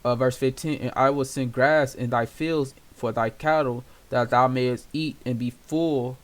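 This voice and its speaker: Slow, casual man teaching scripture. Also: medium pitch, steady tone. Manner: casual and conversational, many fillers and "you know"; reads scripture aloud in old-style wording. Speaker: Bible teacher. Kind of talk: informal Bible study reading scripture.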